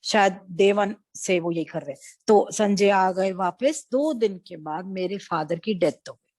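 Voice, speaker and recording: A woman retelling a devotional experience in a lively storytelling way, mixing in English phrases. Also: mid-range voice, a little slow, dry recording. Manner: lively anecdotal retelling, acting out quoted voices; switches between Hindi and English mid-sentence. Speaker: devotee sharing a personal experience. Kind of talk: satsang storytelling.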